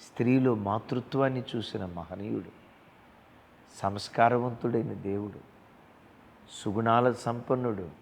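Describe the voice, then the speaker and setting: A man preaching a fervent sermon, addressing his listeners directly as brother and sister, his delivery swelling into loud emphatic stretches. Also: lowish voice, gravelly, a little hiss or hum. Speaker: pastor. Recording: long hall reverb with faint ambience.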